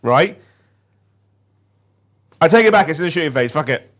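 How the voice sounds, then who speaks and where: A man's voice: fairly high pitch, animated, normal speed, a bit bright. A man playing a tabletop wargame, calling out his moves playfully and throwing in silly sound effects. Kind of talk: casual banter during a game.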